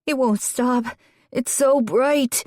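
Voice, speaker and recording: A delirious teenage boy who turns into a crow, screams and raves in a strained, very high voice. He sounds wild and out of control, dragging out his words in dread. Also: slow pace, darkish tone, dry recording, clean studio sound. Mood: frantic raving.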